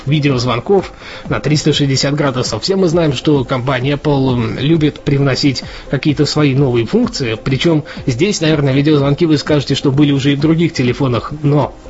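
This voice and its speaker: On a dull, lo-fi recording with faint music, a man co-hosts a laid-back news podcast. His voice sits on the high side with a slightly mellow quality, and his chatty talk is packed with fillers and restarts.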